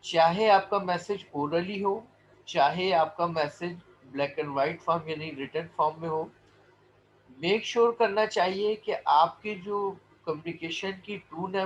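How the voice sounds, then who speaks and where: A male lecturer explaining points quickly, then reading English passages slowly and deliberately, on a dull lo-fi recording. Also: high-pitched. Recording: dull lo-fi recording with faint noise.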